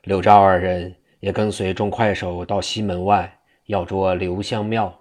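A man reads a classic martial arts novel aloud in steady storyteller fashion. His voice is low and dark, mellow rather than bright. It is recorded close and dry, with no room sound. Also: unhurried, dry recording. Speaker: narrator.

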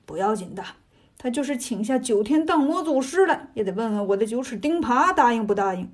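A woman's voice: fairly high pitch, expressive, fairly quick. A woman voicing a fumbling pig monster. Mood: boastful. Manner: wheedling, folksy boasting. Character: clumsy male pig monster, boastful then timid.

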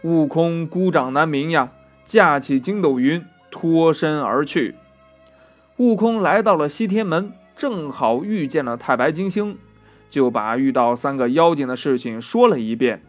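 A man narrating a children's story at an unhurried, lively pace, drawing out the ends of his phrases. His voice sits a little high, and soft music plays faintly behind him.

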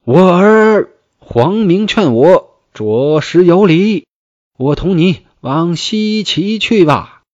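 A man voicing an old male general and furious father, shouting lines in stiff classical phrasing. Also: high voice, animated, slow pace, dry recording, pitched above the performer's own voice. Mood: calling out. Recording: dull, dry lo-fi recording.

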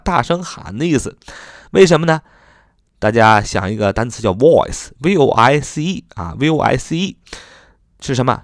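Man, English vocabulary lesson, spells words letter by letter, animated intonation, dry close sound. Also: mid-range voice, no echo. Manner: spells words out letter by letter, repeats them slowly; frequent "啊" fillers, chatty.

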